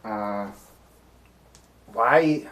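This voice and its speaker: A man playing a solo tabletop game on a live stream, deliberating out loud with many fillers and restarts. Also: on the low side, drawn-out words.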